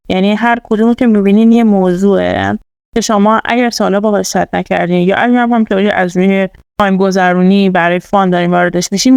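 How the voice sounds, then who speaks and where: A woman's voice: mid-range voice, vocal fry, darkish tone, clean tone, no room sound. A woman presenting a casual tutorial. She explains things step by step, with many fillers. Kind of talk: casual screen-recorded tutorial.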